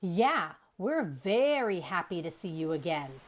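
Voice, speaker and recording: A woman's voice: on the low side, very animated, measured pace. A woman voicing a young male bear, a whiny copycat little brother, in a storybook reading.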